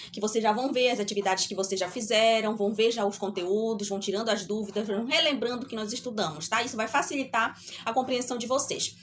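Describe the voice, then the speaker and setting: Brazilian woman, middle-aged, primary teacher on a remote lesson, high bright voice, slow and patient. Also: a little hiss or hum. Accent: Brazilian Portuguese. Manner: slow, drawn-out syllables with a repeated "tá bom?" check.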